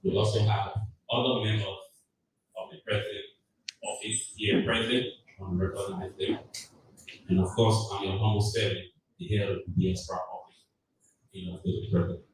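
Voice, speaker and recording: A man's voice: lowish voice, flat delivery. Man hosting a meeting in an echoey hall. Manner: measured, with frequent hesitations. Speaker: meeting host and government office head. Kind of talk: formal introductions at a meeting. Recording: echoey room from far off, faint noise.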